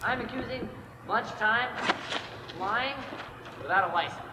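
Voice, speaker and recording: A woman's voice: fairly high pitch, a little slow, close to an everyday voice. A woman playing an earnest lawyer who addresses the court formally in a stage sketch. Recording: echoey hall from far off with noise.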